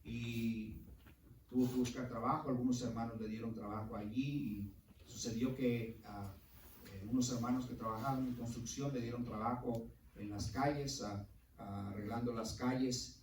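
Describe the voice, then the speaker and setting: A man's voice: mid-range voice, steady tone, moderate pace, a little mellow, slight background noise. A man preaching a sermon, telling a story earnestly with many fillers like "este" and "eh". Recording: roomy echo, mic far off.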